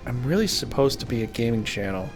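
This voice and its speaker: A man's voice: mid-range voice, very animated, quick pace, soft background music. A young man streaming a game late at night, rambling casually about the game and his channel into a desk mic. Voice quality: rambling, self-deprecating, gravelly. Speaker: gaming streamer. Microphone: desk microphone.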